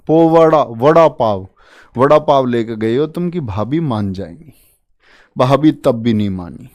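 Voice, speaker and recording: A man's voice: mid-range voice, a little mellow. A man teaching an exam-prep lesson in a casual, playful way, coaxing students along with jokey memory tricks. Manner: chatty, addresses listeners as "bhai".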